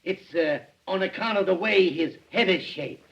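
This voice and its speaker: An actor playing an earnest, pompous, put-upon cop in 1930s screwball comedy banter, on a dull old film soundtrack. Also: male voice, sits high, normal speed, gravelly, a bit bright. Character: earnest, put-upon, slow-witted cop with pet theories.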